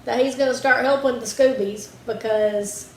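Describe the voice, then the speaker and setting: A woman's voice: fairly high pitch, fairly even intonation, moderate pace, a little mellow. A woman co-hosting a podcast, talking casually and trailing off with lots of fillers. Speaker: podcast co-host. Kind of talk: casual chat. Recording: roomy echo, faint background hiss.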